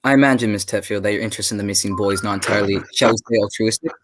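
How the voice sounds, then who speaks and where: A man playing a genial, courteous English gentleman doctor and storyteller in a radio drama, with old-fashioned phrasing. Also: fairly low pitch, very fast, background noise, lightly acted. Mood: courteous, curious. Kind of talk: radio drama narration and dialogue.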